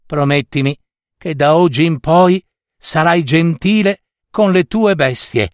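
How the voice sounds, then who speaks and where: A man's voice: fairly high pitch, measured pace, no room sound, studio quality, voice pushed up, natural voice. A man voicing a tiny magical woman, kindly but stern, calling out breathlessly. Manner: breathless, pleading calls.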